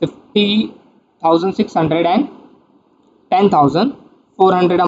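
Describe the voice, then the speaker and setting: A high-voiced man teaches an accounting lesson, asking his own questions and answering them one step at a time. The recording sounds dull and lo-fi, with a faint hiss under it. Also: moderate pace. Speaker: commerce teacher.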